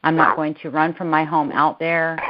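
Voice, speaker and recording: A woman in her thirties from Florida talks bluntly and outspokenly on a conference call. Her voice sits low, and the line sounds dull and muffled. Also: level tone, normal speed. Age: 30s. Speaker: caller. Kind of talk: casual conference call chat.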